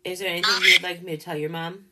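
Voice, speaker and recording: A woman hosting a paranormal live stream in casual chat, gentle and openly emotional as she speaks to spirits directly. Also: on the low side, fairly even intonation, rapid-fire, a little hiss or hum.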